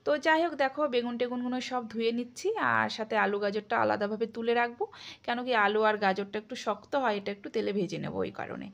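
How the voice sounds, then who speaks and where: Fast, chatty woman with a Bengali accent. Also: on the high side, vocal fry. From India. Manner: chatty, talks to viewers directly; sometimes speaks softly so a sleeper is not woken. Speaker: vlogger. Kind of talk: casual home vlog narration. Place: home kitchen.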